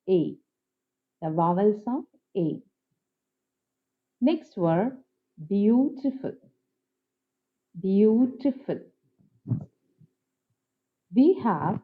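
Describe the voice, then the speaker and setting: A woman teaching a phonetics lesson, talking slowly and deliberately and repeating each example word. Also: mid-range voice, dull audio. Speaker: English teacher.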